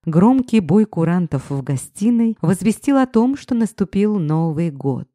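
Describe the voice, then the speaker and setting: A woman narrating an audiobook with lively storytelling. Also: fairly low pitch, unhurried, no echo, clean studio sound.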